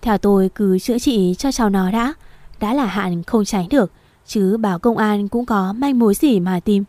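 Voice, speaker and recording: Scheming middle-aged woman, read by a woman narrator, calm, mellow, audio novel. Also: medium pitch, normal speed, no echo, lightly acted. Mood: feigned.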